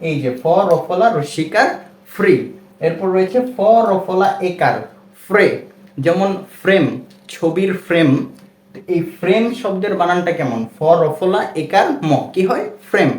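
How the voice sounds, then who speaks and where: A man's voice: sits high, unhurried, reverberant. A man with a Bangladeshi Bengali accent teaching a reading lesson, patiently spelling out and repeating each sound.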